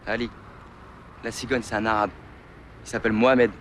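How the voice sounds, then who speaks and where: A man's voice: fairly low pitch, level tone, normal speed, a bit bright, slight background noise, lightly acted. An actor playing a brusque young man who scolds a friend in a film scene. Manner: brusque, matter-of-fact. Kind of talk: film acting.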